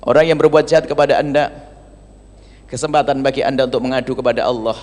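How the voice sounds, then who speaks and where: A male preacher giving a sermon, animated, switching between loud emphatic lines and soft, quiet asides. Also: mid-range voice, fast talker. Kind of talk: religious sermon. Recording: long hall reverb.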